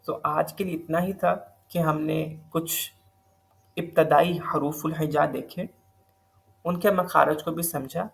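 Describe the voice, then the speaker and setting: A man's voice: fairly high pitch, fairly even intonation, vocal fry. A man teaching Quran recitation in a recorded online lesson, explaining patiently step by step with a slightly sore throat. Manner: patient step-by-step explaining, mixing in English terms.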